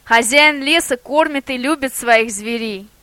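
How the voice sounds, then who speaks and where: A woman's voice: high-pitched, unhurried, no room sound. A woman voicing a sly, persuasive boar. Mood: persuading. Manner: lively, persuasive, theatrical. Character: sly male boar in disguise, persuasive, bold.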